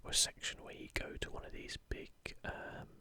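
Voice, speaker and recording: In a soft, breathy whisper without any voicing, this ASMR host rambles along at a slow, easy pace, keeping everything hushed.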